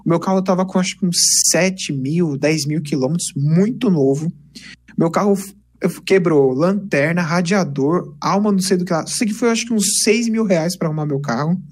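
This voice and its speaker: A young man, casually telling lively stories on a podcast. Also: sits high, moderate pace, breathy edge. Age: 20s. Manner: animated, chatty, peppers speech with "cara". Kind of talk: casual storytelling chat.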